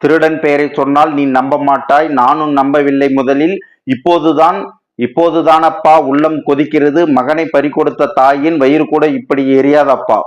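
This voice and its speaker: A man's voice: on the high side, flat delivery, moderate pace, dull audio, natural voice. A man reading as a grief-stricken writer. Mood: grieving. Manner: lamenting, dramatic and wordy. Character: anguished male writer, grief-stricken and impassioned. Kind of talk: storybook reading.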